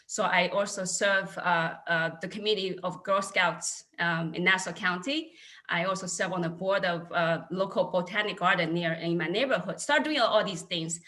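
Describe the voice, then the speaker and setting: Over a video call, a woman from China in her thirties talks frankly as a panelist in a relaxed accounting discussion, her Chinese accent evident. She has a lowish, bright, forceful voice and shares stories with earnest candor.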